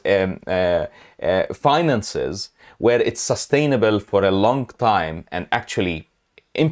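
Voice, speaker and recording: A man from Lebanon hosting a casual interview, talking in a halting way with lots of fillers and frequent laughs. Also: lowish voice. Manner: hesitant, many fillers, laughs often. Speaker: host.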